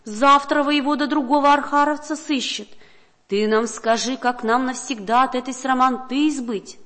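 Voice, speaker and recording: A woman's voice: sits high, steady tone, normal speed, in a large hall. A woman reading aloud and voicing an angry, demanding crowd of townsfolk in a folk tale. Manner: rowdy, demanding shouts.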